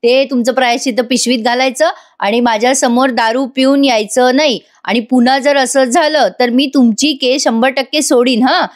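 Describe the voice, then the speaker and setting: A woman putting on a stern woman of authority who scolds curtly. Her commands are clipped, and her voice stays fairly high. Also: fairly even intonation, moderate pace, few pauses, lightly acted. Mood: angry. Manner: scolding, curt.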